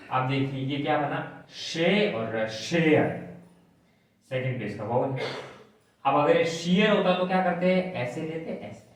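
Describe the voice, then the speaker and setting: Man teaching shorthand in an echoey room. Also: mid-range voice. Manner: patient, step by step, asks if students follow. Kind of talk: classroom lesson explaining on a board. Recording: very echoey room, mic at a distance.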